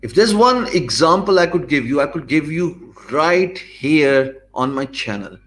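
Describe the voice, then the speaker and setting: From a small home office, a Pakistani business coach who speaks English as a second language gives an earnest online video lesson to the camera. His voice is a little high and fairly bright with lively intonation; he's measured and sincere, restarting often, saying "uh" a lot, and moving his hands. The webcam frames him, and a stand mic is placed close in front.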